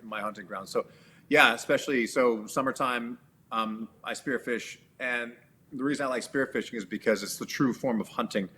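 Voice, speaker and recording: Male guest, mid-pitched, chatty storyteller with frequent ums and restarts. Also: normal speed, slight background noise. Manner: animated storyteller with many fillers and restarts. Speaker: guest, animal trainer. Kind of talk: casual interview chat.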